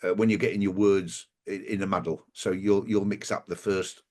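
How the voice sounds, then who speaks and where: A man with a slightly low voice speaks in a halting, wry way and tells anecdotes. He is a guest in a relaxed interview, heard over a remote call. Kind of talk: conversational interview.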